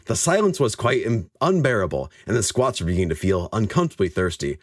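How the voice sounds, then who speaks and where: A man co-hosting a casual podcast, joking and swearing easily. His pitch rises and falls a lot as he talks. The sound is close and dry. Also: fast, no room sound. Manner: animated, jokey, swears casually. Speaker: podcast co-host and story reader. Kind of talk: casual podcast chat and dramatic reading.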